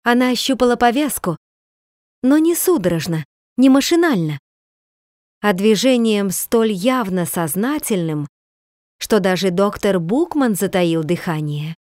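A woman narrating a storybook in a calm, measured reading voice. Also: mid-range voice, no room sound, studio quality. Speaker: audiobook narrator. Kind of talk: scripted narration.

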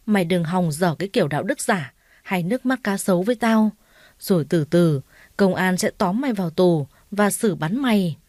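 Woman doing a spiteful older mother-in-law, shrill wailing, mellow tone, dry close sound. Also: expressive, normal speed, no echo. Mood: screeching. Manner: wailing and screeching accusations.

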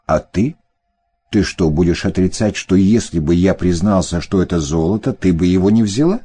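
A man's voice: deep voice, moderate pace, dark tone, slightly rough. A man voicing an evasive young man who denies everything in a defensive, sneering way.

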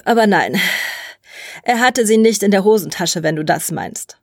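A woman's voice: expressive, moderate pace, a little mellow, dry recording, studio quality. Woman doing a pedantic muttering colonel. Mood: dry. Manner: low, muttered, precise. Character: pedantic female squadron colonel, dry and exact.

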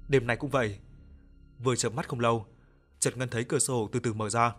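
A man narrating an audio ghost story in a calm, even reading voice. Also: medium pitch, brisk. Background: soft background music.

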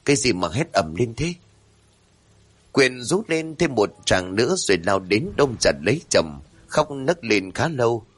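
A man narrating a horror story in a suspenseful, measured way. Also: fairly low pitch, background noise.

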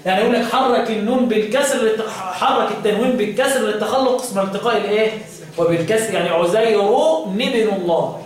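A man's voice: high voice, racing. A man with an Egyptian Arabic accent teaching Quran recitation in an interactive classroom lesson, quizzing his students and drawing out words as he recites. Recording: echoey room from far off, faint noise.

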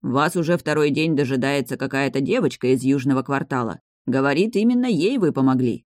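Reader doing a composed butler, even and measured, mellow voice, storybook reading. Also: medium pitch, no echo, clean studio sound, natural voice. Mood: calm. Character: calm middle-aged male butler, reserved.

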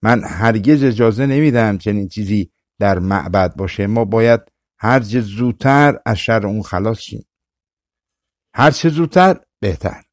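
A man's voice: on the low side, no room sound, natural voice. Old ascetic, commanding and urgent, performed by a male narrator, storybook reading, dry sound. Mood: stern. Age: older. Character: old man, a fussy tea-loving ascetic.

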